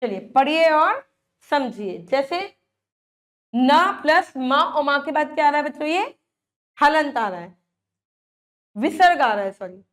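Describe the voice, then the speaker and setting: High-voiced, slow, patient Hindi teacher woman. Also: animated. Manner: patient, checks in with frequent questions to the children; draws out words slowly to model pronunciation. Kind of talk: classroom lesson for young children.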